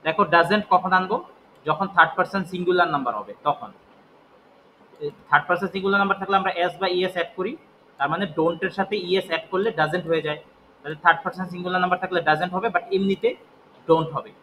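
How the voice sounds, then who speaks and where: Bright-voiced male English tutor. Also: high voice, fast talker, a little hiss or hum, poor audio. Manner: explains step by step, asks and answers his own questions. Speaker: English teacher. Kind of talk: spoken grammar lesson.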